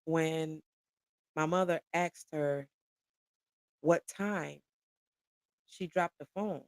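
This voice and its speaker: A woman from Detroit, a podcast guest, telling a personal story in an animated, conversational way. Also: low voice, extremely slow, no echo.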